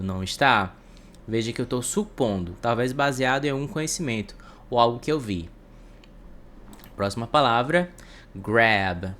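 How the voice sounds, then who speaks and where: A man's voice: mid-range voice, bright, forceful tone. Brazilian man teaching English patiently. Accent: Brazilian Portuguese. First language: Portuguese. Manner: slow, carefully spaced English examples with Portuguese translations. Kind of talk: explanatory online lesson.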